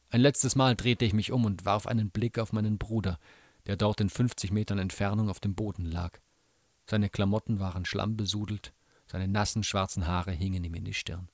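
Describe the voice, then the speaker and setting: A man reading a novel aloud in an expressive, dramatic way. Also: fairly low pitch, normal speed, no room sound. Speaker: reader. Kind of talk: literary reading.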